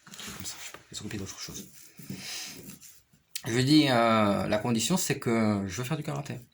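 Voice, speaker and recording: A man's voice: mid-range voice, normal speed, vocal fry. A man talking casually and at length in a rambling way, repeating phrases and often checking that his listener follows. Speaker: piano player and teacher. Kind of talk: casual personal conversation.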